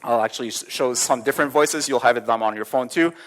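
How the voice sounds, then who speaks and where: A man's voice: mid-range voice, fast talker, a bit bright. A man giving a live tech conference talk with demos, casual and filler-heavy, often chuckling between points. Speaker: conference speaker. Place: conference hall with audience.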